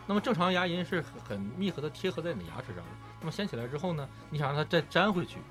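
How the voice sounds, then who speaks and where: Guy giving dental advice, quick talker, medium pitch, bit of music behind. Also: very animated. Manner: explains step by step, advising. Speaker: dental expert. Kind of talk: casual explanatory chat. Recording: music playing behind the talk.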